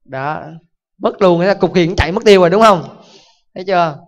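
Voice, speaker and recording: A Buddhist monk giving a dharma talk, full of animated stories and rhetorical questions to his listeners. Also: high-pitched, normal speed. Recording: dull lo-fi recording.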